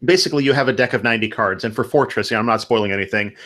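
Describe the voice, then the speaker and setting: A man in his thirties eagerly explains how a card game works during a casual video-call chat from a room at home, laughing easily. He talks at a racing pace in a fairly low, slightly bright voice, recorded through a headset and studio mic.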